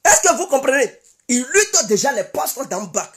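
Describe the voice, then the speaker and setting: High, lively Ivorian woman commentator. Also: moderate pace. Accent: Ivorian French. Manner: emphatic, repeats insistent declarations. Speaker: political commentator. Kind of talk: impassioned political commentary monologue.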